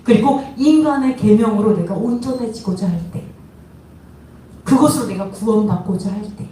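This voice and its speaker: A woman's voice: medium pitch, normal speed, dark tone. A woman pastor preaching a sermon, asking the congregation questions and acting out quoted voices. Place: worship hall. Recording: echoey room from far off, faint noise.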